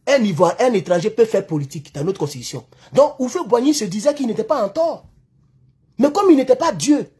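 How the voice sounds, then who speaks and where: High-pitched yet darkish in tone, with a breathy edge, the voice belongs to an Ivorian man with an Ivorian French accent. He is a YouTube commentator whose heated political rant is impassioned and accusatory, full of repetition for emphasis.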